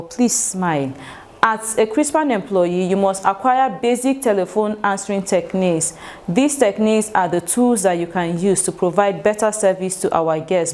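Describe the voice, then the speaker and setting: A woman with a Nigerian English accent runs a staff training lecture in a room. Her voice sits at a middle pitch, and she talks in an instructive way, checking whether the listeners understand. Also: darkish tone. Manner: instructive, asks the room questions, acts out sample phone greetings.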